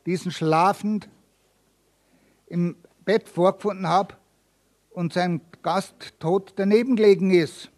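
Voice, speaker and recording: A man's voice: sits high, slow pace, pauses often, a little mellow. An earnest, humble villager testifies anxiously, protesting eagerly. A man reading a story aloud plays him in a raised, slightly flustered voice. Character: timid, earnest male villager neighbour.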